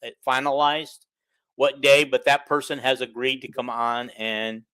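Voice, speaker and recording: A man's voice: medium pitch, little pitch movement, a little slow, pushed and bright, clear, resonant tone. A man hosting a casual sports podcast over an online call, chatty and upbeat. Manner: chatty, upbeat, laughs easily. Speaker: podcast host.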